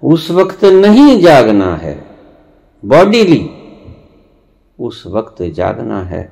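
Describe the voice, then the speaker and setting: Male spiritual teacher, slow sermon delivery, lively rising and falling pitch, stern lecturing tone. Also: gravelly. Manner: slow, deliberate, with long pauses and sudden emphatic rises; rebuking, lecturing the listeners directly. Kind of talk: spiritual discourse.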